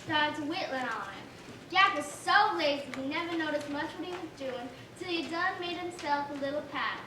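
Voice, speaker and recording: A woman with a traditional Southern American accent narrating a folktale in an unhurried, folksy way. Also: high-pitched. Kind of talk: folktale storytelling performance. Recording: echoey room, far mic, noise.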